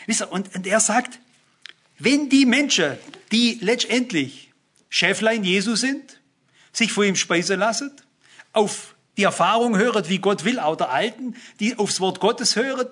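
A man's voice: high voice, fairly bright tone. A man preaching a sermon, earnestly addressing his listeners and citing Bible verses.

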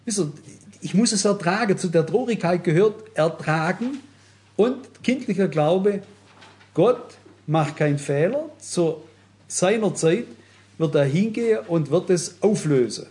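A man's voice: high-pitched, lively intonation, measured pace, darkish tone. A man preaching a sermon, earnestly addressing his listeners and often turning to them directly.

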